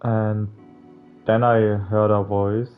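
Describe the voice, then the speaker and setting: This let's player reads a visual novel aloud during a casual playthrough with game music behind him, stumbling, swearing occasionally and commenting along the way. His voice is fairly low and level, the pace slow, and the sound phone-quality.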